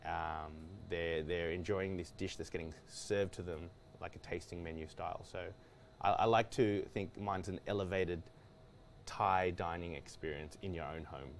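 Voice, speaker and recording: There's a little hiss or hum behind this Australian chef's deep, steady voice, which moves at normal speed. A guest in a studio kitchen, he tells his story casually and rambles, with many fillers and restarts.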